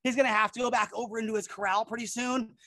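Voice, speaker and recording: An enthusiastic middle-aged woman hosts a casual reptile show outdoors, her voice sitting a little high. She chats freely with surfer-style slang while handling the animals. The sound is dry and close, with little room around it. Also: fairly even intonation, fast talker, fairly bright tone, dry recording. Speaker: animal presenter. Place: outdoors in a yard.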